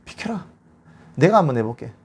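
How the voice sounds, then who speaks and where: A man's voice: mid-range voice, big pitch swings, brisk, gravelly, darkish tone, breathy edge, heavily acted. A man voicing a bold male prophet of old who taunts his rivals and gives blunt commands. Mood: commanding.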